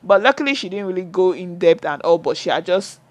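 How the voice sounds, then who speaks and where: A man's voice: high-pitched, expressive, fairly quick. A man recapping a reality show reunion in a casual vlog. He chats along, retelling who said what and trailing off with "and all", and breaks in with exasperated asides to his viewers. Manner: chatty, retells what was said, many "and all" fillers.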